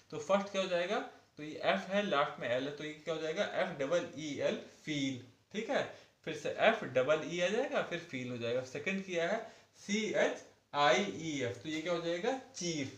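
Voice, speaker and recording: A man's voice: a little high, reverberant. A man explaining an English lesson to children, patiently spelling out words letter by letter and asking questions. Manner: repeats "ठीक है" and asks questions. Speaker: teacher.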